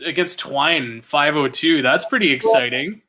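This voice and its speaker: A man's voice: fairly high pitch, expressive, measured pace. Laughing man over crowd noise. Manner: laughs often, swears casually. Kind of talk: casual chat.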